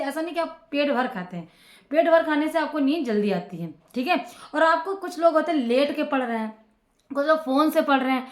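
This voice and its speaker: A woman teacher giving informal study advice to students, in a chatty way that repeats phrases and fills pauses with "ok". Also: high-pitched, reverberant. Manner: conversational, repeats phrases with frequent fillers and "ok".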